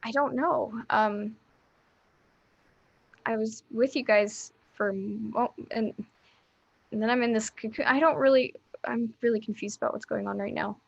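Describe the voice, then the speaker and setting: Woman playing a confused young woman, halting, trailing off, slightly high, dull lo-fi sound. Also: fairly even intonation, gravelly, no room sound. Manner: halting, trailing off mid-word. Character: confused young woman just freed from a cocoon. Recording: dull lo-fi mic.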